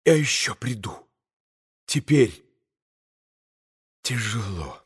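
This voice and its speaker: A man reading the part of a proud, tormented young woman, with a hushed, clipped and bitter delivery. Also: medium pitch, big pitch swings, slow pace, breathy edge, pitched below the performer's own voice, exaggerated voice.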